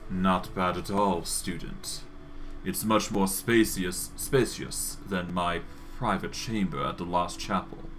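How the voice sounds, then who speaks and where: A man's voice: deep voice, fairly bright tone, faint music behind. A man voicing a proud, scornful old undead lich from a game, with a dry voice and pompous, formal delivery. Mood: haughty. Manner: pompous, slow-burning disdain, formal diction. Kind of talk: acted reading of video game dialogue.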